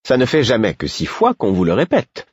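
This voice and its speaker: A man's voice: mid-range voice, wildly swooping pitch, fairly quick, a little mellow, husky, dry recording, dull audio, pitched above the performer's own voice. Male reader as a wry woman companion, ironic edge, close dry sound. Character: wry, concerned woman minstrel.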